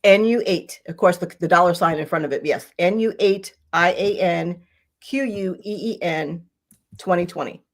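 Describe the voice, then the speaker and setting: A woman around sixty who is a guest author on a livestream interview, gushing and warm, spelling details out slowly over a video call. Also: fairly low pitch. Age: 60s.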